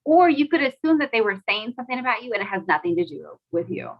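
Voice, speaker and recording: A woman's voice: fairly high pitch, big pitch swings, fast, lo-fi sound. A woman, a mother, talking casually to a live audience, chatty and full of "like"s, asking them questions. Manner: chatty, many "like"s, asks the audience questions, laughs often. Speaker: host of a live talk.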